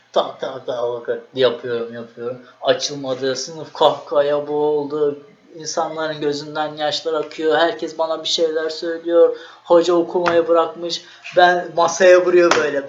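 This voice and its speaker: A young man vlogging, telling a story in a casual, animated way and acting out what he said. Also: fairly high pitch. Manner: animated, acts out his own quoted lines. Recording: echoey room, dull lo-fi sound, faint noise.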